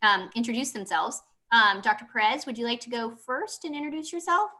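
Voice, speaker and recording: Woman moderator on a video call; higher, bright voice, brisk with fillers. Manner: brisk, with frequent ums. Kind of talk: hosting a video panel.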